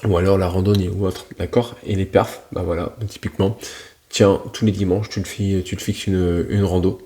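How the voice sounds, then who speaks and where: Deep-voiced blunt French coach. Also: male voice, little pitch movement, normal speed, mellow. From France. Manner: slangy, blunt, addresses listener directly. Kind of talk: casual motivational talk.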